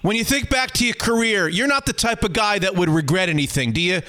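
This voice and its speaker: A male interview host asking questions with eager, excitable reactions. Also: sits high, a little fast. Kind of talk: interview hosting.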